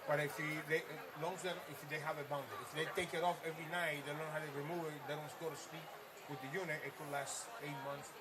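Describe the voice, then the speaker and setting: A man's voice: a little high, flat delivery, quick pace, noisy background. A man with a Spanish accent, a hair replacement stylist, explaining his work in an emphatic, instructive way and sometimes switching into Spanish. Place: busy trade-show floor.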